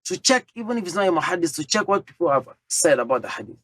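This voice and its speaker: A man's voice: fairly high pitch, big pitch swings, quick pace, a bit bright, breathy edge, dry recording. Emphatic male religious teacher, dry sound. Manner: emphatic, lists numbered points, sprinkles in Arabic terms. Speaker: Islamic teacher. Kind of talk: religious lecture.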